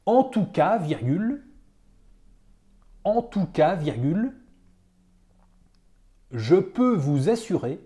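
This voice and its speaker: Very slow, deliberate dictation reader. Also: mid-range voice, big pitch swings, dark tone. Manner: slow, deliberate phrasing, repeats each phrase and announces punctuation. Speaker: dictation teacher. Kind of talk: reading a dictation aloud.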